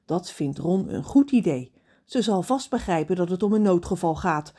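A woman narrating a children's audiobook in an expressive, storytelling manner. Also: fairly low pitch, moderate pace, breathy edge.

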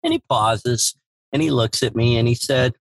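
A man co-hosting a business podcast, telling a story and acting out the dialogue with lively energy. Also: mid-range voice, normal speed, gravelly, no echo, low-quality recording. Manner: animated storyteller who acts out dialogue. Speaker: podcast co-host, former evaluator. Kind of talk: casual storytelling chat.

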